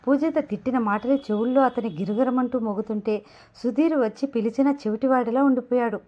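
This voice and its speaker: A woman narrates a serialized audio novel, reading in an expressive storytelling way. Her voice sits somewhat high. The recording is dull and lo-fi.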